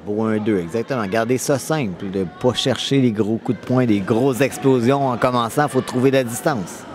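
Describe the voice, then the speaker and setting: A man's voice: mid-range voice, moderate pace, music in the background. A man with a Quebec French accent giving casual live boxing analysis, often repeating words as he searches for the next one. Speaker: boxing commentator. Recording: crowd noise at live event. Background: crowd.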